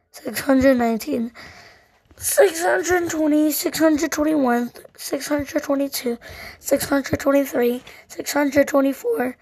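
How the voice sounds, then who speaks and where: Slow, higher-voiced woman counting aloud. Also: vocal fry, husky, rough recording. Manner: slow, steady number counting with chatty asides. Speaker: channel host. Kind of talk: casual counting challenge vlog. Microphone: desk microphone.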